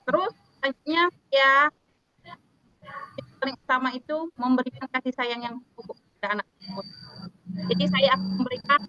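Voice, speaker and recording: A woman's voice: sits high, lively intonation, a little fast, long pauses, bright, forceful tone, dry recording. A woman teacher explaining earnestly on a video call while her voice breaks up and cuts out over a bad connection. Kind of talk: online teacher consultation chat. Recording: dull, dry lo-fi call audio.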